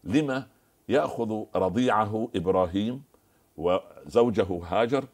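A man's voice: fairly low pitch, measured pace, a little mellow. A man as the scholar guest on a TV religious discussion, preaching and quoting scripture and stories.

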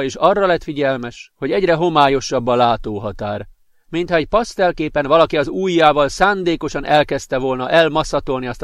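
Calm man narrating a story. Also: medium pitch, dry recording, clean studio sound. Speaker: audiobook narrator. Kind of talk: scripted narration.

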